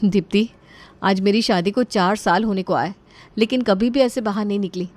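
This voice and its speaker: A woman's voice: medium pitch, normal speed, a little mellow, natural voice. A woman voicing a timid, worried young daughter-in-law.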